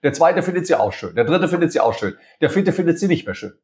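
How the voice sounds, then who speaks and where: A man's voice: a little high, big pitch swings, fast, a little mellow. A man as an interview guest, talking in a conversational way and acting out quoted dialogue in different voices. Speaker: interview guest, communication speaker.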